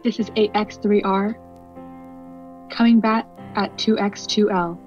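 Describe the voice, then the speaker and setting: A woman's voice: medium pitch, steady tone, a little slow, soft background music. A woman playing an amateur radio operator who answers a ham radio call in clipped call-sign talk. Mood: urgent. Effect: ham radio call over a radio set. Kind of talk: radio play acting. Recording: dull lo-fi radio sound.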